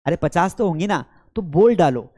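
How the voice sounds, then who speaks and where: A man's voice: high voice, animated, moderate pace, mellow. A man teaches spoken English at a board in a classroom. He drills short sentence pairs aloud with energy and calls his students beta and bhai.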